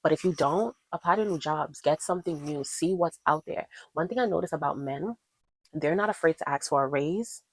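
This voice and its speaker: A woman in her twenties with a deep voice talks briskly to her viewers as a vlogger in a casual to-camera chat, encouraging and emphatic, repeating points for emphasis. The low-quality recording has no echo.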